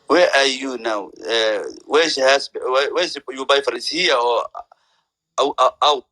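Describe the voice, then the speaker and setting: A man from Somalia chatting on a video call, speaking halting, broken English and repeating his words. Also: medium pitch, sharp tone. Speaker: video chat caller. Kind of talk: casual video chat with strangers.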